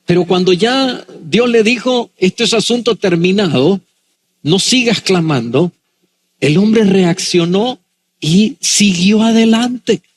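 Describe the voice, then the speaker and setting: A pastor preaching to his congregation, his voice pitched high for a man and a little husky. He slows down for dramatic pauses and acts out the people he quotes. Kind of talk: sermon.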